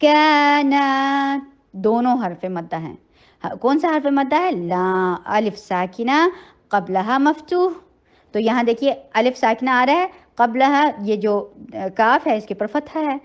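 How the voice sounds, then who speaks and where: Brief: woman, recitation teacher, slightly high voice, slow measured recitation, gentle instruction, muffled lo-fi sound. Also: expressive. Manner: slow drawn-out recitation between patient spoken instructions; gentle, encouraging. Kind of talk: tajweed lesson, recitation with explanation.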